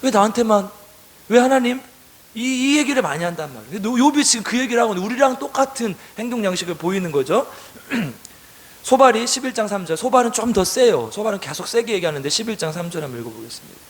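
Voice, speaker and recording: A man preaching as pastor, reading scripture slowly and then explaining it in plain, casual speech, often asking the congregation questions. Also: high-pitched, very animated. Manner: asks the congregation direct questions. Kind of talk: sermon.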